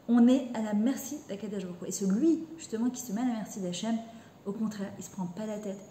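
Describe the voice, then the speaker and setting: A woman's voice: medium pitch, dark tone, slight background noise. Earnest woman teacher in an echoey room. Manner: earnest, heartfelt, mixes in Hebrew terms. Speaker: religious teacher. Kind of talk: spoken religious lesson.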